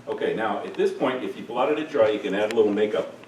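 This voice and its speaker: A middle-aged man instructing a group in a hands-on demonstration, relaxed and joking as he works. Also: lowish voice, fast talker. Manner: relaxed, jokey, talks while working. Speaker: first aid instructor. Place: room with participants. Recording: echoey room, distant mic, noisy.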